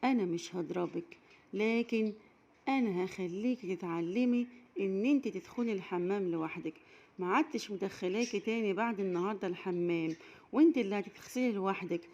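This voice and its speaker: A woman's voice: mid-range voice, a little fast, darkish tone, dull audio, pitched below the performer's own voice, natural voice. A woman voicing a tired, stern mother scolding her small daughter, with an Egyptian accent. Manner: scolding, firm warnings.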